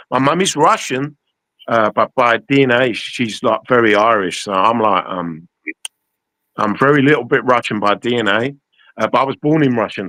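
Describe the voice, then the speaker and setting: A man's voice: mid-range voice, bright, forceful tone, poor audio. A man, a guest on a live-streamed interview over a video call. He rambles and stammers, often repeating his opening words. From England.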